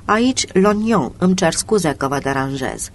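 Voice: mid-range voice, lively intonation, a little hiss or hum, close to an everyday voice. A reader voicing a sad, apologetic police inspector. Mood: subdued.

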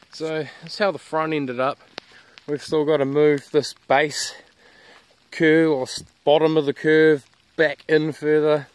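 A chatty, laid-back man, filming himself outdoors in a rural yard. His voice sits a bit high, and he talks in an easygoing, casual way straight into a camera held at arm's length. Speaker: vlogger building dirt jumps. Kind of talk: casual vlog narration.

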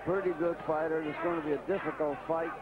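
A man's voice: a little high, steady tone, fast. Male boxing colour commentator, informal and conversational, dull broadcast audio with heavy arena noise. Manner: informal, folksy phrasing. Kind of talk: conversational live sports analysis.

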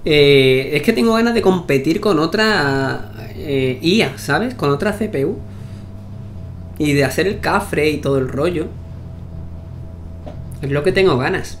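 A man's voice: fairly high pitch, a bit bright, a little hiss or hum. A man with a Spain Spanish accent, giving casual gameplay commentary with swearing and chatty asides. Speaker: gaming YouTuber.

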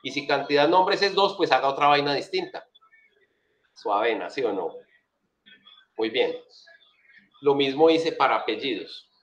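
A man's voice: mid-range voice, animated, a little slow, pauses often, fairly bright tone. Slangy Colombian man teaching code. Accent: Colombian Spanish. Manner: chatty, slangy, asks "right?" often. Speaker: programming instructor. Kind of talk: casual screen-share coding lesson.

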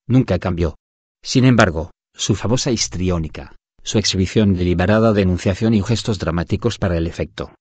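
A man with a low voice reads an audiobook in scripted narration. His delivery is steady and even, and he sometimes reads punctuation marks aloud. The sound is dry and close, with no room echo.

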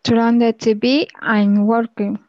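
A woman's voice: fairly high pitch, little pitch movement, slow, no echo. Woman student repeating phrases, dull call audio. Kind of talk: repeating practice sentences. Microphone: computer mic on a video call.

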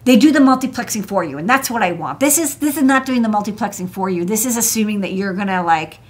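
An electronics engineer in her thirties, seated at her workshop desk, hosts a desk show and goes over parts in a casual, chatty walkthrough packed with fillers and restarts. She speaks fast in an animated, mid-range voice.

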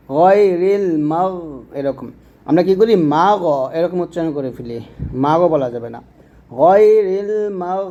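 A man with a slightly high voice teaches Quran reading in a Bangladeshi Bengali accent. He spells out each letter and vowel mark, then stretches the words into a slow, careful chant. The recording sounds dull and lo-fi. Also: warm tone. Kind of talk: step-by-step recitation lesson.

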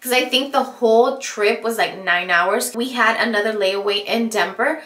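A woman's voice: fairly high pitch, moderate pace, fairly bright tone. A young woman from California telling a story to her viewers in a casual, chatty way while doing her makeup. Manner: chatty, filler-heavy, addresses viewers directly. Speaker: beauty vlogger. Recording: roomy echo.

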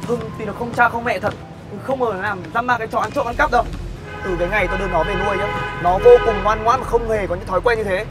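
A man's voice: sits high, quick pace, lightly acted. An actor playing a kind man who defends the orphan boy he adopted, speaking firmly and reasoning with the mother in a scripted web sitcom. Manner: firm and protective, reasoning calmly. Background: background music.

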